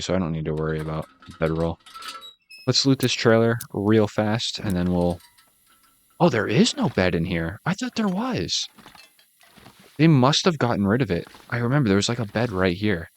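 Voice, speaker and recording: A man with a Boston accent giving relaxed, casual commentary as he plays a game, musing aloud and chuckling at himself. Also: low-pitched, a little fast. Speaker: gaming channel host.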